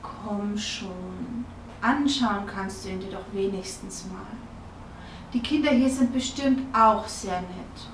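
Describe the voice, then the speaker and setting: A woman voicing a gentle mother who coaxes her child softly and carefully, in an echoey room from a distance. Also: mid-range voice, slow pace, slight background noise. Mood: coaxing. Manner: soft, careful, reassuring.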